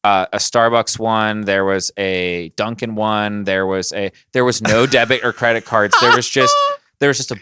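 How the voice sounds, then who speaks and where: A young man co-hosting a casual podcast chat, telling stories in an animated way with lots of fillers. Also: lowish voice, moderate pace, smooth. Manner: animated storyteller, many fillers. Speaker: podcast co-host.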